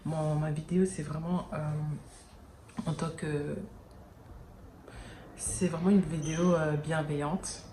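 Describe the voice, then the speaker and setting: A woman talks straight to camera in a casual, earnest way, her voice sitting a little low and halting often as she restarts her sentences. With no separate mic, the sound is roomy and echoey, and a faint hum of background noise runs underneath. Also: steady tone, mellow. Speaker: vlogger. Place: indoors near an airport, daytime. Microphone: no external mic, camera mic. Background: planes and sirens passing.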